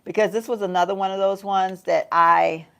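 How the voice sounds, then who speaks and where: A woman's voice: medium pitch, fairly even intonation, moderate pace, creaky, a bit bright. A middle-aged woman chatting casually on a get-ready-with-me livestream, calling her viewers y'all and laughing often as she talks through her makeup. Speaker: beauty vlogger. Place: home.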